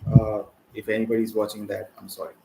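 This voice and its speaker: A man hosting a live cricket watchalong, rambling and chatty with slang and sudden excited bursts over the play. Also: fairly low pitch, brisk, vocal fry, a little hiss or hum, low-quality recording. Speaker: watchalong host. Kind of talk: casual live cricket commentary.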